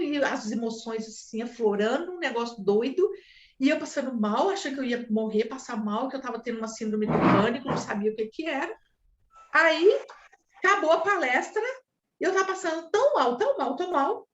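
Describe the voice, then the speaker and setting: A woman telling a personal story in an animated, repetitive way, with sound effects. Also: high voice. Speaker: spiritual speaker. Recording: echoey room, dull lo-fi sound.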